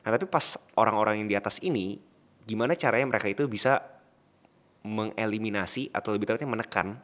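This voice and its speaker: A man's voice: on the low side, quick pace, fairly bright tone. A man co-hosting a podcast, talking casually in slang and putting probing questions to his partner. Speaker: podcast co-host.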